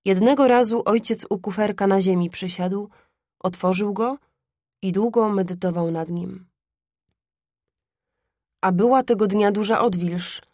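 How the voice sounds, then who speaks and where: A woman narrating a classic story in a calm, even storytelling manner, close to the mic. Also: mid-range voice, a little slow, pauses often, dry recording. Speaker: audiobook narrator. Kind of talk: scripted literary narration.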